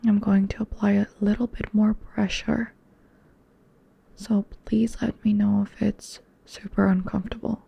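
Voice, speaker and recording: Woman as a calm ASMR doctor, slow breathy whisper, flat and even, dull lo-fi sound. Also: mid-range voice, no room sound, exaggerated voice. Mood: soothing. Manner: soft unvoiced whisper. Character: gentle woman doctor examining a patient. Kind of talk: ASMR roleplay.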